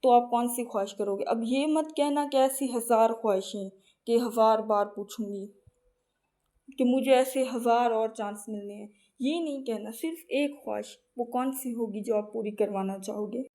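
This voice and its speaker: A woman telling funny everyday stories as a casual vlog voice-over, chatty and lively when she acts out others. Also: a little high. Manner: chatty, animated when acting out the children. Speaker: vlogger.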